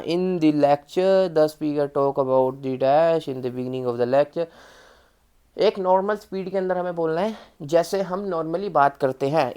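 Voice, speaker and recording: A woman's voice: mid-range voice, darkish tone. Woman, exam tutor, casual lesson, familiar tone, repeats key points, switches into English phrases. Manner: mixes Hindi with English phrases; addresses viewers familiarly. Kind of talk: casual spoken lesson to students.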